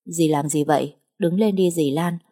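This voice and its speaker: A woman playing a reluctant young man, slow and soothing, her voice lowered a little in an audiobook. The tone is dark and husky.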